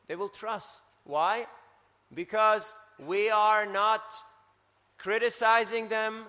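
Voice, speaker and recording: Bright-voiced Swiss man preaching. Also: high voice, long reverb tail. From Switzerland. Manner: animated storytelling, tags points with "huh?". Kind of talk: scripture class talk. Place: temple hall.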